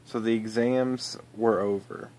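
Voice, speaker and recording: A man's voice: fairly low pitch, fairly even intonation, a little slow, darkish tone. A man telling a personal story in a loose, rambling way, often restarting sentences and leaning on "you know" and "I was like".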